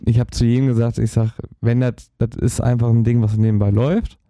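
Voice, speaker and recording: A man's voice: medium pitch, level tone, fairly quick, warm tone, no echo, studio quality. A young man, a hobby DJ from Germany, chatting as a podcast guest, rambling and searching for words. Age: young adult. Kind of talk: casual podcast interview.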